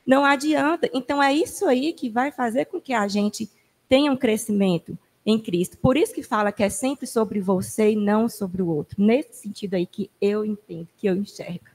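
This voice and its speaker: A woman's voice: mid-range voice, normal speed, a little mellow. Earnest woman in a reverberant hall. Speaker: church class participant. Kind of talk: comment in a Bible class.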